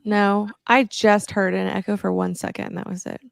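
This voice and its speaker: A woman joining a casual book chat over a video call, talking in a relaxed way. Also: medium pitch, moderate pace, vocal fry, no room sound, studio quality. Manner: relaxed, conversational, many "like" fillers. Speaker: guest reader on a call.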